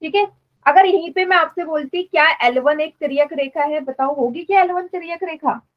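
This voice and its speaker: A woman's voice: high-pitched, moderate pace, muffled recording. A woman teaching math in a live online class, patiently explaining and quizzing students. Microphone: online class stream.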